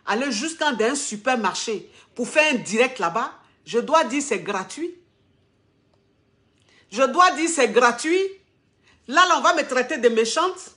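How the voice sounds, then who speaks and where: A woman's voice: fairly high pitch, fairly bright tone. A woman influencer giving an indignant live-video monologue, stressing her points by repeating phrases. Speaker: social media influencer.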